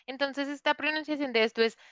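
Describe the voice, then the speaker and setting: A woman's voice: high-pitched, steady tone, brisk, a bit bright, no room sound. A woman teaching an online English class, explaining patiently and checking in often with her students.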